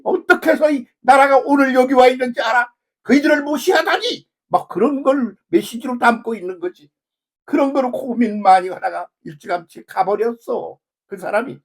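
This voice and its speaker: An older man preaching a folksy, rambling sermon as a pastor, full of rhetorical asides. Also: extremely high pitch. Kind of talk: conversational sermon.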